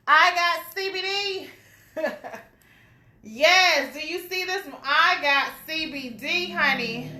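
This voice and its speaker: A woman's voice: high voice, bright, forceful tone. Bubbly woman greeting live viewers, echoey room. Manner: bubbly, repeats phrases, greets viewers by name. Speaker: business owner showing products. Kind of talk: casual live video chat. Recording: echoey room, faint background noise.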